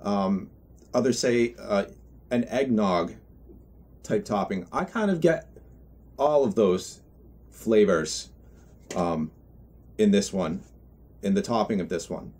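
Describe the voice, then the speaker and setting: A man giving an unscripted product review in a halting, reflective way, often correcting himself as he goes. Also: lowish voice, darkish tone. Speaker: pipe tobacco reviewer.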